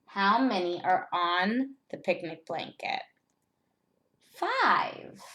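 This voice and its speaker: Very slow-talking woman teaching young children. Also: lowish voice, expressive. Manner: simple, deliberate phrasing with questions to young learners. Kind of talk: children's math lesson, step-by-step instruction.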